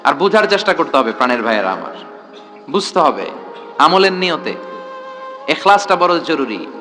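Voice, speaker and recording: A man's voice: on the high side, sing-song, moderate pace, music in the background. A man preaching a sermon to a large gathering in a tent, throwing rhetorical questions at the crowd and calling for responses.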